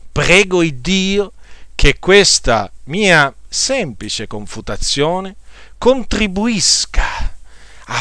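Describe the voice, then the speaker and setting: Bright, crisp-voiced Italian-speaking preacher rebuking. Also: male voice, on the high side, dry recording, clean studio sound. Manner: rebuking, emphatic, repeats phrases for stress. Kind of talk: sermon.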